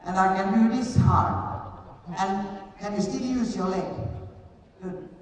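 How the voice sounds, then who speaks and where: This middle-aged woman runs a live riding clinic in a large indoor arena, teaching hands-on, explaining, demonstrating, and repeating short commands. She speaks slowly at a medium pitch with a somewhat dark tone. The audio, taken from a distant camera in the audience, is echoey and noisy.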